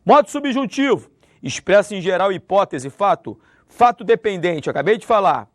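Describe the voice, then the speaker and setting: A man with a Brazilian Portuguese accent teaching a video grammar lesson, lively and acting out example sentences. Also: high voice, moderate pace, no room sound, studio quality. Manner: lively, acts out example sentences with shifting intonation.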